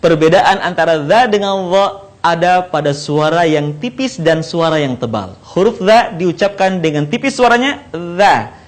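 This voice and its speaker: A man teaching how to pronounce Arabic letters, explaining slowly and repeating each sound in drills. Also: on the high side, expressive. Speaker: Quran recitation teacher. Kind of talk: slow instructional explanation with recited drills.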